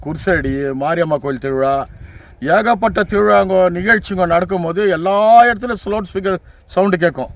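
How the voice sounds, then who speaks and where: In a dry recording, an older veteran sound operator looks back on his career in a relaxed interview, his high voice noticeably creaky. He respectfully addresses the listener as "sir" again and again, repeating himself as he recalls and lists things from memory.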